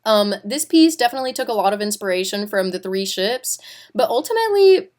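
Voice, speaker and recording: A woman's voice: medium pitch, sing-song, fairly quick, a little mellow. A young woman from Puerto Rico, a sculpture student, narrating a portfolio presentation in a friendly way with frequent fillers. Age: young adult.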